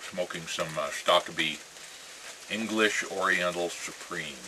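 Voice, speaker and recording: A very deep-voiced American man talks casually in a musing, halting way, letting phrases trail off. Clear ambient noise and birdsong sit behind his voice. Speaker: pipe-smoking vlogger. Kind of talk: casual rambling chat to camera.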